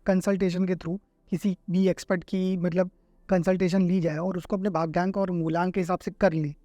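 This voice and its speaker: A man's voice: high voice, level tone, normal speed, mellow, no room sound. A man hosting a podcast interview, asking reflective questions and thinking aloud as he forms them. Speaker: podcast host.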